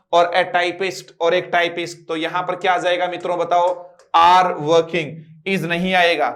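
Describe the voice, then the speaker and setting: A man with a Rajasthani Hindi accent teaching English grammar, reading example sentences slowly and drilling his students with frequent check-ins. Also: sits high, fairly bright tone. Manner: drills students, repeats "ठीक है" and "मित्रों". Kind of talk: classroom lesson.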